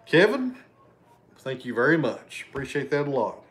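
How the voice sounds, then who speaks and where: His mid-range voice swings widely in pitch as he talks at a moderate pace. He's a man hosting a casual livestream from his living room, reading super chats and chatting with viewers. He's chatty, thanks people by name, and loses his train of thought at times.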